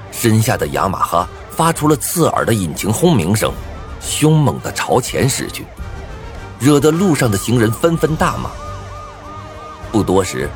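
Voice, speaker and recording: A man narrating a first-person thriller story with a dramatic, swinging delivery. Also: medium pitch.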